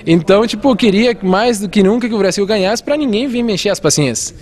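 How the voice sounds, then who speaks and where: A man's voice: sits high, lively intonation, brisk, a little mellow. A man raised in Argentina, explaining civic oversight earnestly as an interview guest. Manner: earnest, explanatory, with many restarts and fillers. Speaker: civic watchdog representative. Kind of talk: interview answers.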